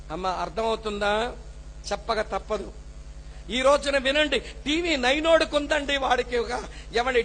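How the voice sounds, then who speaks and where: A man with a very high-pitched voice preaches a fiery sermon. He scolds the congregation as their pastor, swinging from shouts to hushed, low lines. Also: a little hiss or hum.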